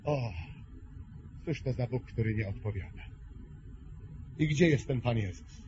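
A man preaching a sermon with passion, swinging between hushed pleading and loud cries. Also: mid-range voice, measured pace, a little hiss or hum. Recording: muffled lo-fi recording.

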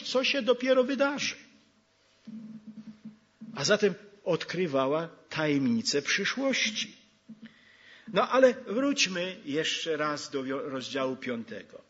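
A man preaching a sermon, rising to exclamations and dropping to soft asides. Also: high voice, husky, lo-fi sound.

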